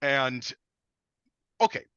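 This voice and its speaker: A man's voice: very slow, bright, forceful tone, dry recording. A man co-hosting a webinar in casual, enthusiastic explanatory talk, often restarting his phrases. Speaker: webinar co-host. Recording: slightly dull lo-fi sound, dry.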